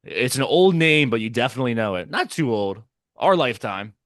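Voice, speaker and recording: A man's voice: mid-range voice, big pitch swings, a little fast, dry recording, studio quality. A man co-hosting a casual podcast, reacting live to a sports draft from a hotel room and thinking aloud. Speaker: podcast co-host.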